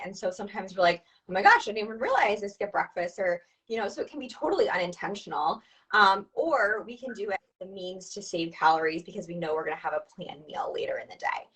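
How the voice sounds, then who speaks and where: A woman's voice: medium pitch, a bit bright, distant mic, low-quality recording. A woman who is a dietitian and nutrition coach, giving chatty, upbeat coaching advice on a video call. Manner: upbeat, chatty, asks listeners to respond. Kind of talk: conversational explainer, coaching advice.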